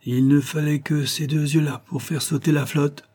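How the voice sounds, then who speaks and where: A man's voice: fairly high pitch, level tone, normal speed, warm tone, voice pushed up, lightly acted. A man voicing a jovial male naval officer who banters heartily with his friend in a read-aloud story. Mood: hearty.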